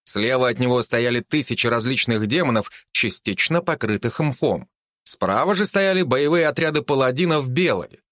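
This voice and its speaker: A man reads a fantasy novel aloud in a steady storytelling voice at a middling pitch. The recording is dry and close, with no room echo. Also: normal speed. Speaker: narrator. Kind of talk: audiobook narration.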